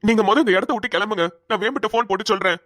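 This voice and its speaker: A woman's voice: mid-range voice, racing, fairly bright tone, dry recording, clean studio sound, close to an everyday voice. A woman voicing an earnest, protective young male police officer in a cartoon, talking urgently and stammering at times. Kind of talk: cartoon voice acting.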